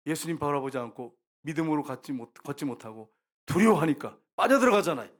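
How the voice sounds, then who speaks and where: Guy preaching in church, lively, slightly high voice, acts out the bible quotes. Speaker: pastor. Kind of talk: sermon. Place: church sanctuary.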